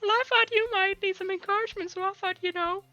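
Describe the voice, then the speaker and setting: A woman voicing a carefree, clingy anime schoolgirl from a visual novel in a squeaky, whiny falsetto. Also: steady tone, quick pace, bright, forceful tone, muffled recording, faint music behind. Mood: teasing. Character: carefree bubbly anime schoolgirl, worried, clingy childhood friend.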